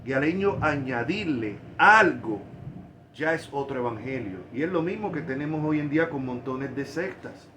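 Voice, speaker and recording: A man's voice: mid-range voice, animated, moderate pace, bright, forceful tone, a little hiss or hum. A man from Puerto Rico with a Puerto Rican Spanish accent, preaching a sermon with emphatic, rising stresses on key points.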